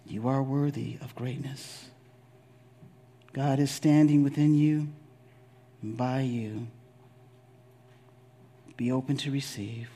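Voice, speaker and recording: A man leading a guided spiritual meditation in a deliberate, soothing, gently instructive way with long pauses. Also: medium pitch, steady tone. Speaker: spiritual leader guiding a meditation.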